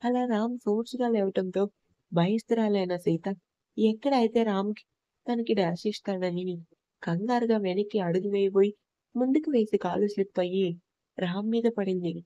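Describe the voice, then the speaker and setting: A woman narrating an audio love story in a steady, even storytelling manner. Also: medium pitch, normal speed, no echo, highs cut off.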